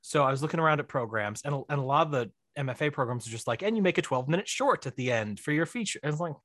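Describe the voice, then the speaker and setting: An American guest on a podcast, a film director in his thirties from Missouri, chats casually, rambling off on tangents and frequently cutting himself off. His voice is a little high, expressive and a bit bright, and he talks at a racing pace. The sound is dry and clean, studio quality.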